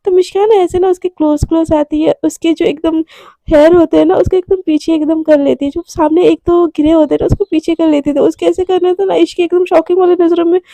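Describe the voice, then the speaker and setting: Host-narrator, woman, casual storytelling, high pitch, mellow tone. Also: steady tone, fast talker, dry recording. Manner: chatty, repeats words.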